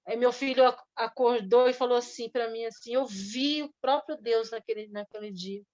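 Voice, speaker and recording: A middle-aged woman with a Brazilian Portuguese accent tells her testimony earnestly. Her voice sits fairly high and soft, and she pauses and restarts often. The recording sounds dull and lo-fi. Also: steady tone. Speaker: church member giving testimony. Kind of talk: emotional personal testimony.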